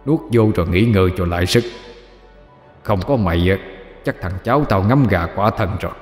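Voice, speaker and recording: A hushed, low-voiced old man's ghost, fond and teasing in a storytelling recording, as a male narrator puts him on. He scolds gently, and a faint music bed runs under him. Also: expressive, moderate pace, roomy sound, in a large hall. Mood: gentle, fond. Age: older.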